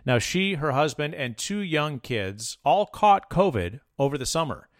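A man, a radio reporter, reading a scripted news piece in a measured, even way. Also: on the high side, no echo, clean studio sound.

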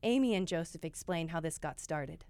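A woman's voice: sits low, expressive, normal speed, a little mellow, no room sound. A woman hosting a podcast, narrating in a scripted yet casual, upbeat way with occasional fillers. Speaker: podcast host.

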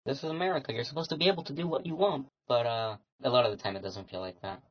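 A teenager in a recorded interview clip, speaking in short, halting phrases through a voice altered and pitched down for privacy. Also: no echo. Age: late teens. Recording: dull, lo-fi disguised audio.

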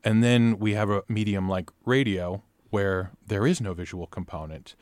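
A man's voice: on the low side, normal speed, darkish tone, no echo. A man interviewing a playwright, asking thoughtful, layered questions at length. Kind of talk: interview conversation.

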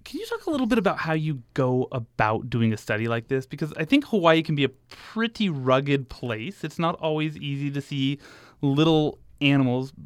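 A man's voice: on the high side, sing-song, normal speed, clear, resonant tone, dry recording, clean studio sound. An American man speaking as a curious, presenterly radio host of a science show, introducing topics and interviewing guests. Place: radio studio.

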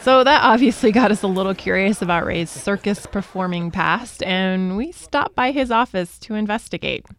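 A woman's voice: medium pitch, moderate pace, hardly any pauses. A woman co-host giving scripted podcast narration in a wry, dry delivery.

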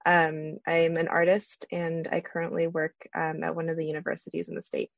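Young woman, nervous and giggly, lowish voice, dry, dull lo-fi sound. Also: monotone, fairly quick, gravelly, no room sound. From California. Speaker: panel guest, artist. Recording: dull, lo-fi remote line.

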